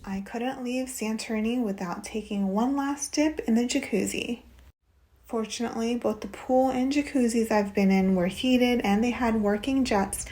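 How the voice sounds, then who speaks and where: A woman from the States narrating her travel vlog, relaxed and enthusiastic, sometimes whispering. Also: medium pitch, rough recording. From United States. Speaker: travel vlogger. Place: outdoors on a windy island and in an airport.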